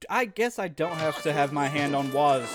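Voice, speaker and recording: A man's voice: fairly high pitch, lively intonation, moderate pace. A man giving casual let's-play commentary, swearing freely and reading game text aloud. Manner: swears a lot, reads dialogue aloud. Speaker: gamer. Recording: game music behind.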